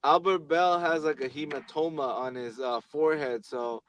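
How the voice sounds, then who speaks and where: A man's voice: on the high side, moderate pace, fairly bright tone. A man calling in to a casual sports chat over a phone line that keeps breaking up, hedging with many fillers and restarts. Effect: phone call breaking up, cutting in and out. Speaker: call-in panelist.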